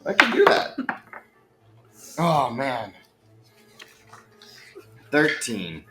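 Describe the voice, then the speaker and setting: A man player reacts with short, casual quips during the game. His pitch swings widely from word to word. The room echoes, and music plays clearly behind him. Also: wildly swooping pitch, very slow. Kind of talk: tabletop role-play chat.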